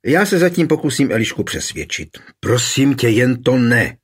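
A man voicing a lovesick young husband who speaks quietly and guiltily, in an audiobook reading. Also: on the low side, lively intonation, slightly rough. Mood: earnest pleading. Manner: quiet, downcast.

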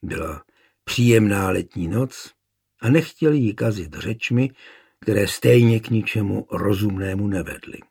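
A man reading a historical war story aloud as narrator, with even, measured storytelling. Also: fairly low pitch, vocal fry, slightly rough. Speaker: audiobook narrator. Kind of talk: scripted narration.

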